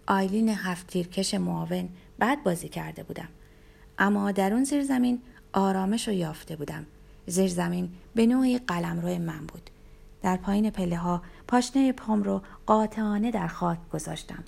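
A woman narrating a novel aloud in the first person, with a measured, even reading. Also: mid-range voice, creaky. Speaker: audiobook narrator.

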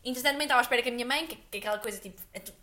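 A woman's voice: fairly high pitch, rapid-fire, pushed and bright, reverberant. A young woman with a European Portuguese accent, co-hosting a podcast, telling rambling anecdotes full of fillers. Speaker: podcast co-host. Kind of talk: casual chat.

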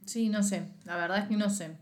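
A woman's voice: medium pitch, steady tone, normal speed, darkish tone. A woman with a Rioplatense Spanish accent co-hosting a podcast, agreeing emphatically and laughing along in casual chat. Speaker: podcast co-host.

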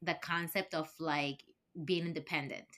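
A young woman from Ecuador hosting a relaxed podcast interview. Her voice is bright and crisp yet sits a little low. She keeps the talk flowing with small affirmations and tags like "right?". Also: a little slow. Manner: affirming, many "right?" and "mm-hmm". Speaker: podcast host. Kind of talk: casual interview chat.

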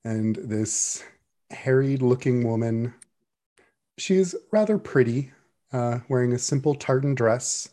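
A man's voice: mid-range voice, expressive, slow pace, warm tone. A man narrating as game master, describing scenes and acting out characters in a casual, easygoing way. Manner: casual, with restarts and fillers.

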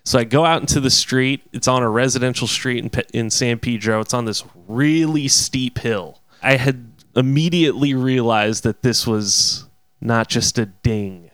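A young man telling a wild story in a casual, profane, animated way, often laughing between phrases. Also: mid-range voice, moderate pace, smooth, no room sound.

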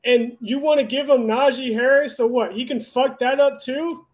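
Heated high-voiced young man ranting. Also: steady tone, moderate pace. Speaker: podcast co-host. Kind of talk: casual sports chat.

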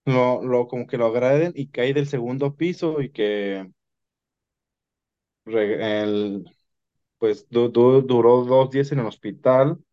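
Speaking slowly in a smooth, dark, medium-pitched voice, a man with a Mexican Spanish accent shares paranormal stories as a podcast guest. The chat is casual and meandering, with frequent sentence restarts, and the sound is dull and lo-fi.

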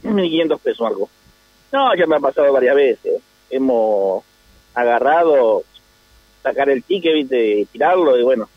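A man's voice: mid-range voice, animated, normal speed, no room sound. A man with an Argentine Spanish accent tells his story in a rambling way over a tinny, phone-like line. The voice is completely dry, with no room sound at all. He keeps circling back with small tag phrases as he talks. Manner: rambling, repeats "le digo" and "¿viste?". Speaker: taxi driver. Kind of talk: phone interview telling a story.

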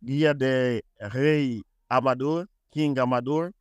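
A man chatting as a podcast guest, explaining things deliberately and repeating phrases. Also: medium pitch, fairly even intonation, smooth, no room sound, lo-fi sound. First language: Portuguese. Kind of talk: casual explanatory chat.

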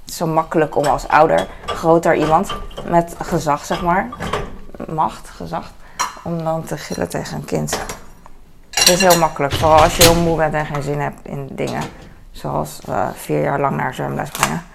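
A woman chatting casually in a rambling way while she tidies her kitchen. She fills her talk with pauses and restarts and drops in English phrases. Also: low-pitched, flat delivery, creaky, very noisy. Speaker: vlogger. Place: home kitchen. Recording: kitchen clatter of dishes and cutlery.

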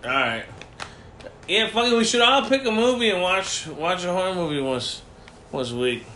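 A bright, forceful man's voice, a little higher than most, trading loose, profane banter as a podcast co-host. He rambles and laughs between lines while nursing a broken foot at home. The room gives his voice a roomy echo. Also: expressive, normal speed, slight background noise. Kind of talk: casual chat. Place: home room with a dog nearby.

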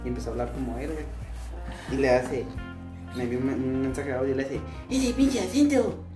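A man's voice: medium pitch, little pitch movement, quick pace. A Mexican-accented man chats and tells stories among friends, swearing freely and using heavy slang. The room is echoey and music plays behind him. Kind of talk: casual chat and storytelling among friends.

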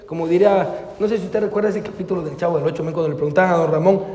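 Warm high-voiced pastor in a reverberant hall. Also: male voice, racing. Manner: fills every phrase with amén and hermano; slips into English phrases. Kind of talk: sermon.

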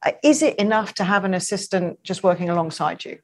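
A woman host with an ordinary mid-pitched voice leads an interview. She offers short encouraging murmurs and phrases her questions haltingly, with restarts. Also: expressive. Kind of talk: conversational interview.

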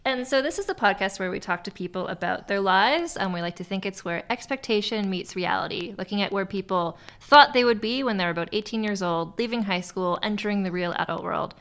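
A woman's voice: medium pitch, brisk, few pauses, a bit bright. Woman podcast host giving a casual introduction.

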